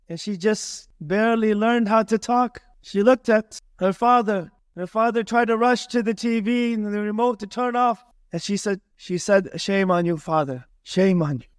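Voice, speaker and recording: A man's voice: very high-pitched, dry recording, clean studio sound. A man telling a moral story in an emotional sermon, earnest and repeating key phrases for emphasis. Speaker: preacher.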